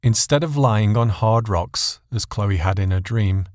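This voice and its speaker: Low-voiced man narrating a dark story. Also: a little slow, no echo, clean studio sound.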